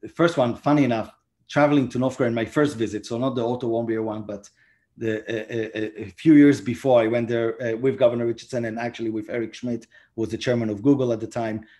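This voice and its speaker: A diplomat in his forties with an Israeli accent answers interview questions over a video call from a room in his home. His medium-pitched voice is steady and dark in tone, and he talks fast. He uses many fillers and often restarts his sentences.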